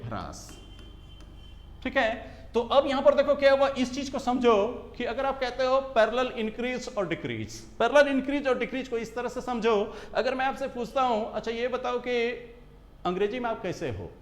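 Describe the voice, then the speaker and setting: High-voiced male teacher drilling phrases. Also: animated. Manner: repeats phrases, asks rhetorical questions, drills slowly. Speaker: English grammar teacher. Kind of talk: coaching class lecture. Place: coaching classroom. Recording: echoey classroom.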